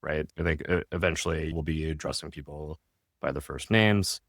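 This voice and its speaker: With a bass voice that is fairly bright, this male podcast guest, a restaurant tech founder, speaks casually at a moderate pace. He lays out his points steadily, restarting slightly now and then and frequently ending with an inquiring "right?". The sound is clean studio audio with no room sound.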